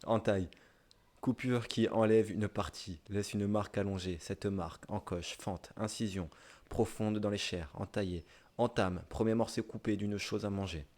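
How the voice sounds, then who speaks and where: A man's voice: lowish voice, steady tone, normal speed, a little mellow. A man with a southern French accent, a streamer reading dictionary definitions aloud live in short listed phrases, with offhand asides. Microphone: streaming microphone.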